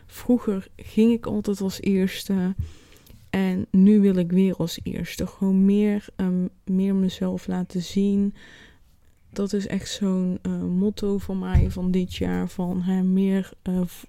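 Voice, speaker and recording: A woman casually recounting a personal experience in a vlog, often pausing mid-sentence to search for words. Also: medium pitch, level tone, gravelly, dark tone, dry recording. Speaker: vlogger.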